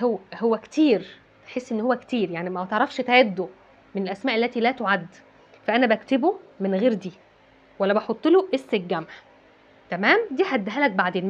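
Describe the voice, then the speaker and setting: A woman's voice: fairly high pitch, muffled recording. A woman with an Egyptian Arabic accent teaching English to children. She asks and answers her own questions and repeats key words. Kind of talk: classroom-style lesson explanation.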